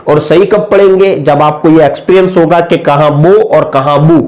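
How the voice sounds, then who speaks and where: Man, somewhat high voice, patient teacher, slow spelled-out sounds, frequent check-ins. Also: a little mellow. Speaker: Urdu writing teacher. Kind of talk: step-by-step spoken lesson.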